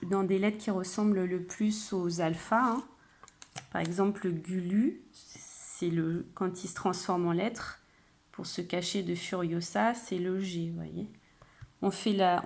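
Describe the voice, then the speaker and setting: Patient teacher stretching out words. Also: female voice, medium pitch, a little mellow. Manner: patient, explains slowly, stretches out example words. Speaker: kindergarten teacher. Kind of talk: home-schooling phonics lesson for parents.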